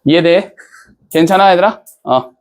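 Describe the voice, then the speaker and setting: A man's voice: sits high, moderate pace. A man teaching an English class, casually checking in with students and asking them questions as he goes. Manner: casual banter-style speech to students. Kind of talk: classroom lecture.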